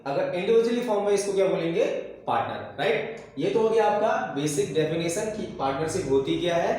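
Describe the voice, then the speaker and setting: A man's voice: high-pitched, animated, a little fast, darkish tone, slight background noise. A man teaching a commerce lesson, repeating key terms and checking in with "okay" and "right" after each point. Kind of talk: classroom lecture. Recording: very echoey room.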